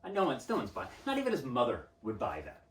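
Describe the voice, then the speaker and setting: A man's voice: mid-range voice, huge pitch swings, fast, a little hiss or hum. A man giving a pompous, self-important rant in a mock-serious interview, stammering through his restarts. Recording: roomy sound from a distant mic.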